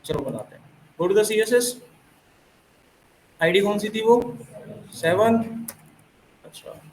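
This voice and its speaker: A man's voice: sits high, animated, slow. A male coding teacher giving a recorded classroom lecture, mixing Hindi with English phrases, explaining with everyday analogies and quizzing his students. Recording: roomy classroom with faint background noise.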